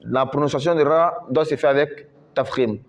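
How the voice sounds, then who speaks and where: A man teaching Quran recitation in French, patiently repeating each word and drawing out the recited syllables. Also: a little high. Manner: slow, repeats words many times, drawn-out recitation.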